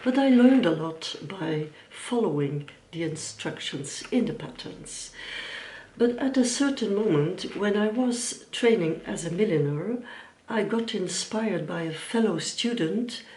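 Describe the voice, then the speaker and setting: Talking to camera for her sewing and knitting channel, this middle-aged Belgian woman, whose first language is Dutch, speaks careful English with a Flemish accent and plenty of ums. Her mid-range voice is expressive and dark-toned, at a measured pace. A distant mic captures a roomy echo.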